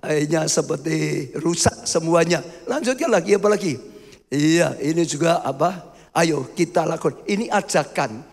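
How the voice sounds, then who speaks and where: A man's voice: fairly high pitch, expressive, normal speed. A man, preaching a sermon as pastor, emphatic and often calling out to the congregation as brothers. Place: church hall. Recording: long hall reverb.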